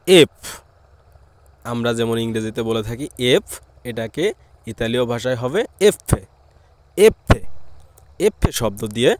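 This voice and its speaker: A man from Bangladesh with a Bangladeshi Bengali accent, teaching a language lesson and slowly repeating each word and its meaning. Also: medium pitch, no room sound.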